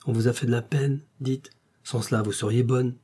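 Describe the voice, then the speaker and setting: Male reader as a gentle devoted man friend, soft husky voice. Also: medium pitch, steady tone, moderate pace, natural voice. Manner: soft, drawling.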